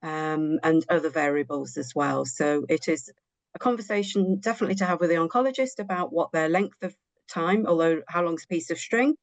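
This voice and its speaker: A woman specialist nurse answering a question in an online session, in a measured way with many fillers. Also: low-pitched, no room sound.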